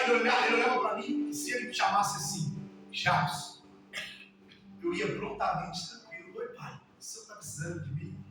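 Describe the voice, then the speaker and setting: A man preaching a sermon as pastor, fervent, repeating phrases and building to shouts. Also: high voice. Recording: very echoey hall, distant mic, music behind.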